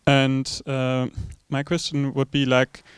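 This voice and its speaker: A man from Germany with a German accent, posing a spontaneous academic question in halting, searching phrases. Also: medium pitch, monotone, smooth, no echo. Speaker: audience questioner.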